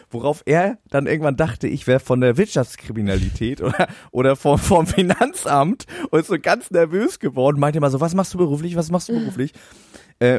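A man co-hosting a podcast, telling a long anecdote in a rambling, animated way and laughing at his own story. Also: fairly high pitch, dry recording, clean studio sound. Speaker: podcast co-host.

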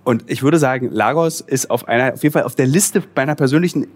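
A man's voice: mid-range voice, fast. A man hosting an interview podcast from a small office, chatting casually with wry, self-deprecating asides. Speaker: podcast host and journalist.

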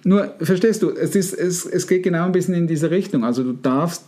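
A man hosts a podcast in a casual coaching style, stringing together rhetorical questions for his listeners. His voice sits a little high for a man yet sounds dark and mellow. He addresses the audience affectionately. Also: a little fast. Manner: addresses listeners warmly as "ihr Lieben". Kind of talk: casual podcast talk on mindset.

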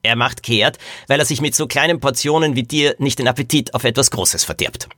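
A man doing a quick-witted girl detective. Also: medium pitch, sharp tone, no room sound, studio quality, lightly acted.

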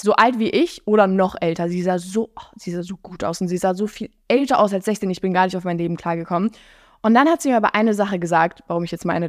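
A nineteen-year-old woman hosting her podcast, chatting in an excitable, bubbly way and mixing in English slang. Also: on the low side, no echo, studio quality. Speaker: podcast host. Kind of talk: casual chat.

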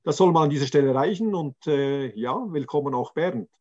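Consultant, halting delivery, dull dry line. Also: male voice, a little high, mellow, no echo. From Zurich, Switzerland. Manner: hesitant, many fillers. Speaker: consultant, panelist. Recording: dull dry call audio.

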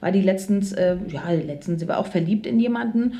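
A woman's voice: medium pitch, brisk, dark tone. A woman co-hosting a podcast in casual conversation, telling personal stories with frequent tag questions. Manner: chatty storyteller, frequent "ne?" and "so" tags. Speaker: podcast co-host.

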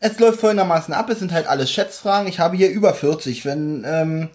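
A man's voice: a little high, quick pace, darkish tone. A young man hosting a small quiz on a casual podcast in a room with friends, laid-back and stumbling over words now and then. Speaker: quiz host.

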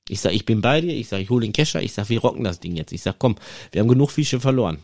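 A man's voice: lowish voice, racing. A man hosting a fishing podcast, casually retelling a night of angling and acting out the dialogue with his friend. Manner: lively anecdotal retelling, acts out dialogue. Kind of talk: casual storytelling to listeners.

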